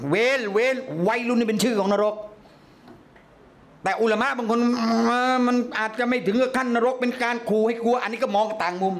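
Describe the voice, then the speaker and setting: Male religious teacher, lively lecturing style, high voice, chants phrases out loud. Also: fairly quick. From Thailand.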